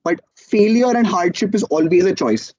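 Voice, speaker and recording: High-voiced young Indian-accented man. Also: normal speed, no echo, dull audio. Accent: Indian English. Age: young adult. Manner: animated storytelling, acts out quotes. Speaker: student entrepreneur speaker. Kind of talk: motivational talk.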